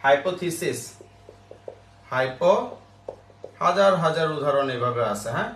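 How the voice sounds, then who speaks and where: A man teaching an online English grammar class, spelling words out slowly and checking with the class after each step. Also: fairly high pitch, expressive, a bit bright, slight background noise. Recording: roomy echo.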